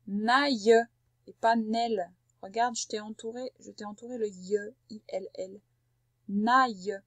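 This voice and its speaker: A woman teacher leading a recorded spelling dictation for a young child, saying each syllable slowly and carefully and giving gentle step-by-step instructions. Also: medium pitch, fairly even intonation, dry recording. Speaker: primary school teacher.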